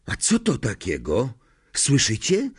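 A man's voice: mid-range voice, wildly swooping pitch, takes it slowly, husky, pitched above the performer's own voice, exaggerated voice. A man voicing a nervous, jittery teenage schoolboy wizard in an audiobook reading, often stumbling over his words. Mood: alert. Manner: nervous, stammering.

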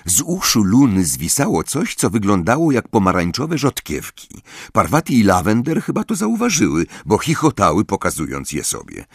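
A man narrating an audiobook in an expressive storytelling style. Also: on the low side, moderate pace, vocal fry, slightly rough, no echo, clean studio sound. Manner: expressive storytelling, voicing every character.

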